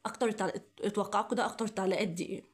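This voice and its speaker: A young woman with an Egyptian Arabic accent speaks rapid-fire in a mid-range voice with fairly even intonation in an emotional personal vlog. Upset and pleading, she repeats her questions over and over and breaks into coughing fits.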